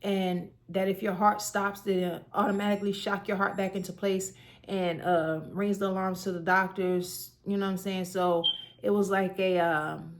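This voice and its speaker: A woman in her thirties tells her own health story as a casual personal testimony, earnest and chatty with lots of fillers. Her mid-range voice keeps a level tone at a normal speed.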